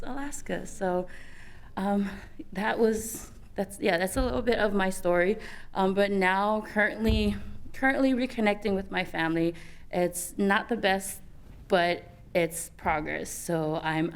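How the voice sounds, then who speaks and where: Young female panelist, low and gravelly, candid and halting. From American Samoa. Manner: candid, halting, many fillers and restarts. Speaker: youth panelist. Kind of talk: personal story at a conference panel.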